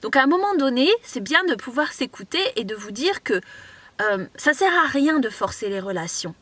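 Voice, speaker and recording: A woman's voice: sits high, big pitch swings, normal speed, bright, forceful tone, no room sound. A young woman from Mauritius giving casual life advice to camera from inside a parked car, chatty, with many fillers and restarts. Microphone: camera on a tripod.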